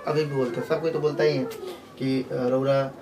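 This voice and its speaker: A man's voice: medium pitch, little pitch movement, brisk, background noise. A man explaining a grammar lesson in a loose, repetitive way, full of fillers and restarts, recorded from a distance with faint outdoor sound behind. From Jharkhand. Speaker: teacher. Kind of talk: casual spoken grammar lesson.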